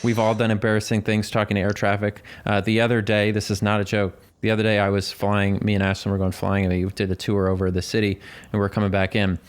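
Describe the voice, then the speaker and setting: A man's voice: lowish voice, flat delivery, fast, clean tone. A man co-hosting a casual podcast, telling stories in a rambling, self-interrupting way. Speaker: podcast co-host.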